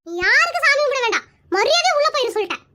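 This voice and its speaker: A woman voicing a quick-tempered elderly mother-in-law in a cartoon skit, scolding and whiny. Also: big pitch swings, bright, forceful tone, slight background noise, exaggerated voice. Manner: shrill, scolding and wailing.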